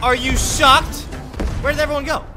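A man's voice run through a voice changer that pushes it up to a squeaky, very high pitch. He gives excitable, self-mocking commentary while he plays, and loud game music runs behind him. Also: normal speed. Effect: voice changer raising the pitch. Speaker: gaming video creator. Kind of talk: live gameplay commentary.

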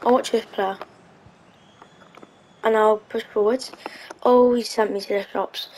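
A woman with a slightly raised pitch talks through her gameplay in a casual, meandering way. She hesitates often, filling gaps with ums. Her voice sits over a faint background hum. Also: fairly even intonation, a little slow, a little mellow, low-quality recording. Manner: chatty, hesitant, thinking aloud with frequent ums. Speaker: gaming channel host.

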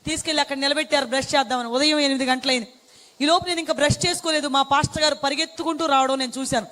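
A woman's voice: sits high, steady tone, very fast, fairly bright tone, long reverb tail. A woman giving an emotional personal testimony, retelling events tearfully with quoted dialogue. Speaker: testimony speaker.

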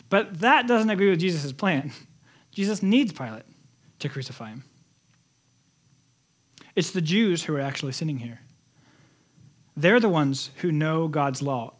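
A man preaching a sermon as pastor, telling the story with animated, conversational energy. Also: a little high. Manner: animated storytelling, acts out quotes in lively voices.

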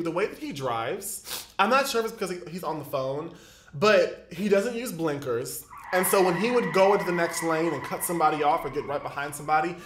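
Young male vlogger, animated and exasperated, high voice, roomy echo. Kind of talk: storytime vlog. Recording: echoey room.

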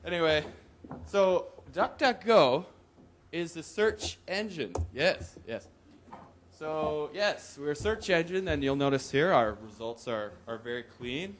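This young conference presenter delivers a casual, joking tech talk into a podium microphone, with whoops and laughter in the hall. His voice is a little high and expressive, his pace measured, with a little hiss or hum in the recording.

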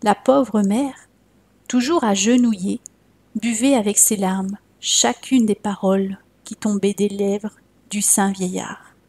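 A woman from France reading a legend aloud in a measured, solemn narration. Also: medium pitch, fairly even intonation, darkish tone. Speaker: storyteller. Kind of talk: scripted narration.

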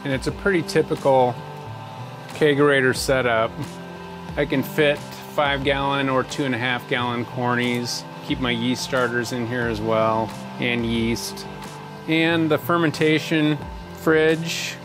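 A man's voice: mid-range voice, fairly even intonation, measured pace. A man in his forties, a home brewer, casually explaining his setup as he works in an indoor home brewery. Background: guitar music.

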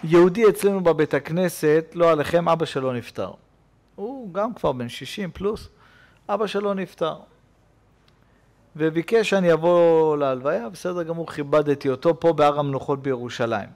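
Guy rabbi preaching in a synagogue, high-ish voice, goes loud then hushed. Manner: animated storytelling preacher, swings between loud and hushed. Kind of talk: sermon.

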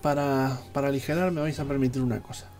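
A young man with an accent from Spain, improvising narration as game master in a halting way. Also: medium pitch, steady tone, darkish tone, faint music behind. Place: small indoor room at home.

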